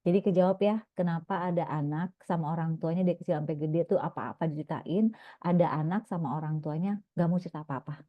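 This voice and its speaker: A woman parenting coach giving a lively online seminar talk, acting out little scenes between parents and children. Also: fairly low pitch, fast talker, no room sound. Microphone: video call. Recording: dry, phone-like video call audio.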